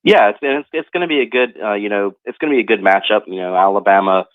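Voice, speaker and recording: Man, sports radio guest: quick, filler-heavy delivery, slightly low voice, dry tinny phone-line sound. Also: dry recording. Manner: fast, filler-heavy analysis with many "you know" and "um". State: coughing from allergies. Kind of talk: casual sports radio talk.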